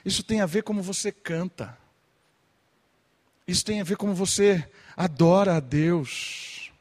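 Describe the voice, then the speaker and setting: A young man preaching a sermon to his congregation, lively and animated, sometimes imitating gossiping churchgoers. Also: high-pitched, measured pace, big-room sound. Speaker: pastor.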